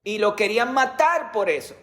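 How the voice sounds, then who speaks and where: A man's voice: high voice, animated, normal speed, a bit bright. A man preaching a sermon as a pastor, teaching with rhetorical questions and sometimes repeating words as he goes.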